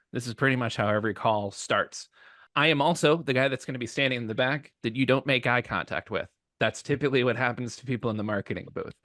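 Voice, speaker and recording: A man from a marketing company delivers a short, joking sales pitch to dentists. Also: a bit bright, no echo, clean studio sound. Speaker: sponsor representative, marketing.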